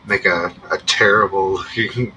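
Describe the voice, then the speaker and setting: Male game master, low and sharp, casual tabletop narration, slight background noise. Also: steady tone, normal speed, poor audio.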